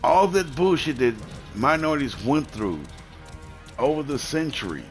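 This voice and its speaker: A man's voice: fairly high pitch, big pitch swings, moderate pace, faint music behind. A man ranting heatedly on a live stream, swearing often and repeating his points. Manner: heated, profane, repetitive ranting.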